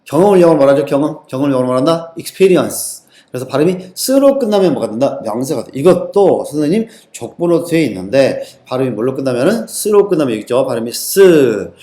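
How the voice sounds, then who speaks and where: A man's voice: mid-range voice, very animated, fast, dark tone, reverberant. A man teaching an exam-prep lesson, constantly quizzing his students and repeating the answers back to them. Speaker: TOEIC English teacher. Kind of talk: lecture-style exam lesson.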